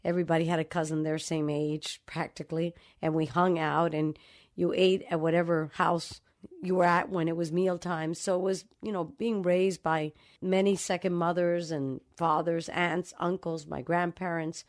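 A novelist from the Dominican Republic speaks in a lowish, level voice at a moderate pace. Her interview answers unfold as reflective stories, delivered thoughtfully, with remembered exchanges acted out.

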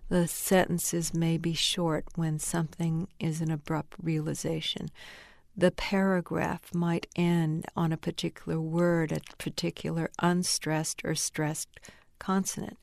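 A woman novelist speaks thoughtfully in an interview, her voice low and gravelly. The recording is dry and close, with no room sound around her. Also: a little mellow, dry recording. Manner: reflective, thoughtful. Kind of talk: interview conversation.

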